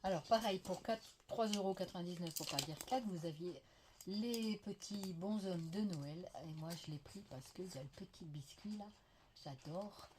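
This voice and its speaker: French woman, home haul vlogger, low-pitched, a little hoarse, chatty and enthusiastic, light background noise. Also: moderate pace. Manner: chatty, gushing, many fillers. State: slight cough, veiled voice. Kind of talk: casual show-and-tell haul. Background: faint clatter of dishes.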